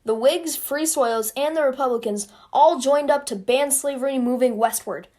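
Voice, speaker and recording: A woman's voice: high voice, normal speed, dark tone. A young woman narrating a sarcastic comic history explainer, recorded on a phone. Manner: sarcastic, playful. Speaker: video creator.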